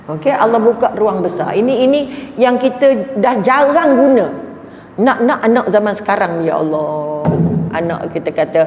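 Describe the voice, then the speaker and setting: A woman's voice: medium pitch, darkish tone. A woman with a Malaysian Malay accent gives a religious talk to an audience. She is chatty and humorous, acts out everyday stories and often checks with her listeners. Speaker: religious speaker. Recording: echoey hall with faint background noise.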